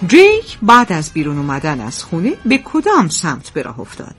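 A woman presents a story quiz in a lively, sing-song manner. Her voice is on the low side and breathy, with a wide, animated pitch range, and faint music plays underneath. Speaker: audiobook host presenting a quiz. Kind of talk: scripted presenting.

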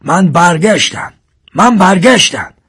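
A man voicing a half-wild male hunter who pleads shrilly and repeats his words, with a husky tone. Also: expressive, fairly bright tone, heavily acted. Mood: frantic. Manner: repeats himself, high and shrill.

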